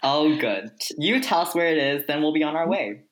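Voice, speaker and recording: A woman's voice: sits low, animated, moderate pace, poor audio. A woman playing a resolute, self-sacrificing female spy, teasing yet tender, in an amateur script read-through. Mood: determined.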